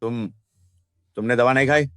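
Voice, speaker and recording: A man's voice: mid-range voice, fairly even intonation, normal speed, fairly bright tone, no echo, studio quality, soft background music, lightly acted. An actor dubbing a sleazy male thug who leers and then begs in panic. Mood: panicked. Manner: leering, then pleading in panic. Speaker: hired thug. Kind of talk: Hindi dub of a drama.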